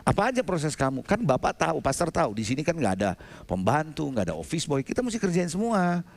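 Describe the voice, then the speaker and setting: Male pastor, high and lively voice, sermon with loud bursts. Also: fast talker, vocal fry, no room sound. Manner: animated storytelling with sudden loud outbursts. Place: church sanctuary.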